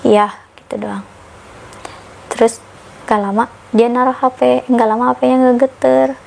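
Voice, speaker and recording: Young woman, animated storyteller. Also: unhurried, gravelly, a little hiss or hum. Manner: animated, acts out quoted dialogue with sudden pitch jumps. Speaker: podcast guest telling her story. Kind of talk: casual storytelling.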